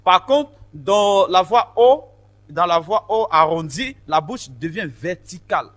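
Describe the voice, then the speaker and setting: A man's voice: high-pitched, animated, measured pace, a bit bright. A man teaching a choir vocal technique, explaining vowel shapes patiently and counting the group in.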